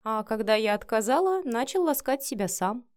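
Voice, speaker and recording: A woman's voice: a little high, very animated, a little slow, a little mellow. A woman reading the lines of a mocking, provocative young woman with sarcastic, playful taunts. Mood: taunting.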